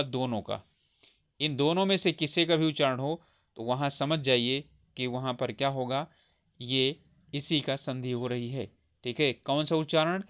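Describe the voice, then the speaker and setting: A male teacher talks through a grammar lesson for exam candidates in a smooth, clear voice of middle pitch. He poses a question, then drops lower and softer to answer it himself. The recording sounds slightly dull and lo-fi. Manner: explains step by step, keeps asking questions and answering them himself.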